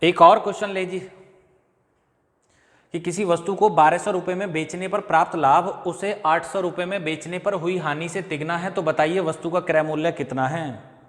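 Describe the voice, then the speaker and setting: Man, maths tutor, higher voice, talky and repetitive, long room reverb. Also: steady tone, moderate pace, a bit bright. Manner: chatty, repeats steps and checks understanding. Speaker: maths teacher. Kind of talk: exam-prep maths lesson.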